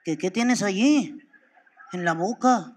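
A man's voice: high voice, takes it slowly, darkish tone. A man playing a melodramatic lover who is walking out on his partner. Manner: theatrical, melodramatic.

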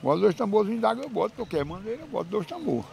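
An older farmer with a gravelly voice talks quickly into a handheld mic held out to him at an open-air fairground. He answers in an emphatic, folksy way and keeps repeating his points. His speech stays rough and rapid throughout. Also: sits high, big pitch swings, a little mellow, a little hiss or hum. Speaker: donkey cart owner. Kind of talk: casual interview answers. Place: outdoor dirt fairground with animals. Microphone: handheld mic held by interviewer.

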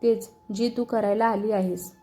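A woman's voice: medium pitch, fairly even intonation, normal speed, mellow, soft background music, lightly acted. A woman voicing a quarrelsome young man who taunts and calls names in a storybook reading. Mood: taunting. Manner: taunting, name-calling.

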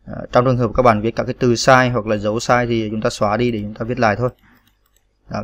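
A man's voice: fairly low pitch, no echo, dull audio. Patient man spelling out keystrokes. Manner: patient, spells out each key, many fillers. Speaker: computer tutorial instructor. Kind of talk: step-by-step screen tutorial.

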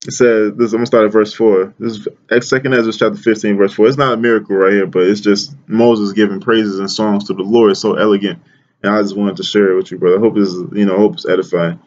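A man reading Bible verses aloud and explaining them in a casual, slangy, excited way, often repeating words and calling the listener "man". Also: lowish voice, quick pace, highs cut off. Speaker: bible teacher. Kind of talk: casual scripture reading and commentary.

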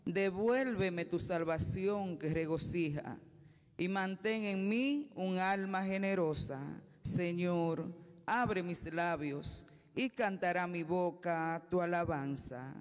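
A woman's voice: lowish voice, takes it slowly. A woman solemnly delivering a responsorial psalm at Mass in a church. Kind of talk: solemn liturgical psalm recitation. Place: church, at the lectern. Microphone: gooseneck lectern microphone. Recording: reverberant church sound.

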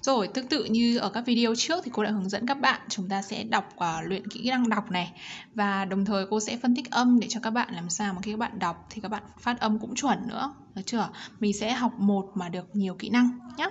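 A Vietnamese woman with a Vietnamese accent, teaching English pronunciation to children slowly and step by step, often checking with "ok". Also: medium pitch, dull audio, a little hiss or hum. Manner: slow, explains sounds step by step, often asks ok.

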